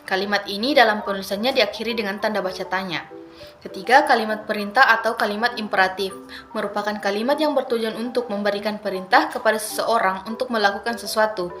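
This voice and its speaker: A young adult university student with a medium-pitched voice reads her assignment aloud quickly as a class presentation, steady and methodical. She works through definitions and numbered lists over soft background music.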